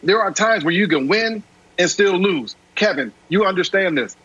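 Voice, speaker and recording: A man with a husky, fairly high voice makes a steady, persuasive sports argument. His audio comes through a dull, muffled remote line. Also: normal speed, no room sound. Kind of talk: sports debate.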